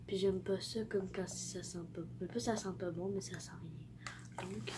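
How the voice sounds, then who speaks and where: A woman's voice: medium pitch, steady tone, a little slow, very noisy. Teen girl with a Québécois accent, sick. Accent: Québécois French. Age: teens. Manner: rambling, self-correcting, drops to near-whispers. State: sick with the flu. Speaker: vlogger. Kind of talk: casual vlog, tips to camera.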